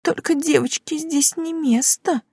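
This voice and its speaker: A woman voicing a fussy, bossy elderly female neighbor in an audiobook, with a high cooing voice and a gushing, commanding manner. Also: measured pace, warm tone, no room sound. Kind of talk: audiobook character voice.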